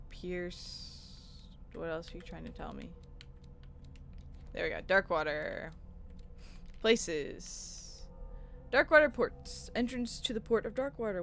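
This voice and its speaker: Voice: medium pitch, slight background noise. A let's play host giving casual, joking commentary over a horror game. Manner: joking, chatty asides.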